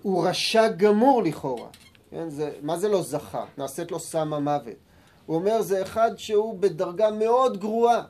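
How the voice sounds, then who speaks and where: A man giving a Torah lesson, who reads sources slowly and calmly and acts out heated arguments in sudden loud bursts. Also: sits high. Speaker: Torah teacher.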